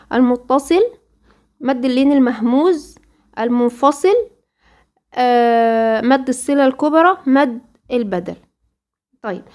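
A high-pitched woman with an Egyptian accent leads a recitation lesson. She quizzes her students and then answers the questions herself. Now and then she slowly draws out example words. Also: darkish tone. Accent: Egyptian Arabic. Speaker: Quran recitation teacher.

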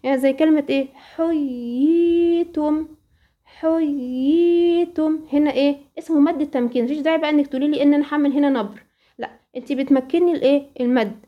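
A woman with an Egyptian accent teaching a Quran recitation lesson, asking questions and then answering them, and slowly reciting the examples. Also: sits high, fairly even intonation, muffled recording. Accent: Egyptian Arabic. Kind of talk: tajweed lesson.

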